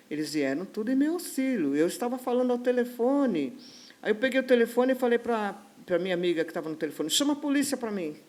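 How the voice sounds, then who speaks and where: A woman lawyer with a Brazilian accent, telling an animated story in a podcast interview and acting out the dialogue. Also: fairly low pitch. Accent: Brazilian Portuguese. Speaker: lawyer guest.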